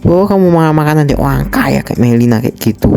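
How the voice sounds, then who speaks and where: A woman's voice: low voice, animated, a little fast, vocal fry, mellow. A woman doing a coaxing, syrupy scheming mother. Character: scheming mother, sweet-talking her daughter. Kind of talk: amateur game drama voice acting.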